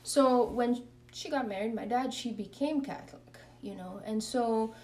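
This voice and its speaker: A woman's voice: on the high side, measured pace, a little mellow. A woman, a religious sister, earnestly sharing her faith story and leading prayer in an interview. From Kenya. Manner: earnest, reflective. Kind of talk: interview testimony and spoken prayer. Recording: voice a bit far from the mic.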